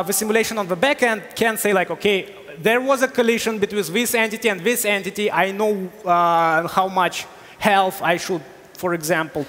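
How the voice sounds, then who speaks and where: On stage in a large hall, a high-voiced speaker in his thirties takes technical questions from the crowd and explains them step by step, hesitating with many "uh"s. He talks through a headset mic, his fairly bright voice followed by a long trailing echo.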